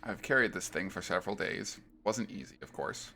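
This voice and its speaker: A man's voice: low voice, lively intonation, fairly quick, vocal fry, sharp tone, slight background noise, heavily acted. A man putting on a weary mustached townsman with an accent. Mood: solemn. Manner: put-on accent, solemn and heavy. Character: weary mustached townsman sharing his sorrow.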